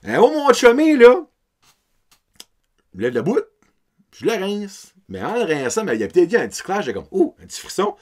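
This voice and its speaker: A man's voice: high voice, huge pitch swings, normal speed, long pauses, darkish tone. A man in his thirties with an Acadian French accent, hosting a podcast and telling a story in a casual, laughing way, dropping English words into his French. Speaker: podcast host.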